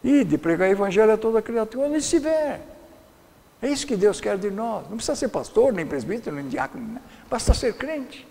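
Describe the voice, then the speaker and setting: Old pastor guy preaching, high voice that jumps all over, long echo in the hall. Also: sing-song, brisk, gravelly, mellow. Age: older. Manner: folksy, rambling, searches for words. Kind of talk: sermon lecture.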